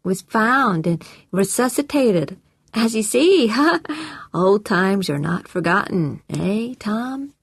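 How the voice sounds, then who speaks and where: A woman voicing a young man on the phone faking a dead man's voice, in an overdone, giggly falsetto. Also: lively intonation, takes it slowly, breathy edge, dry recording, clean studio sound, exaggerated voice. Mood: mocking. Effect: phone line.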